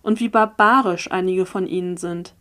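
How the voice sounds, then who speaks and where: A woman's voice: on the low side, steady tone, moderate pace, fairly bright tone, natural voice. A woman reading aloud, voicing a scheming, persuasive young male sorcerer who talks down insistently. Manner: condescending, insistent, impatient.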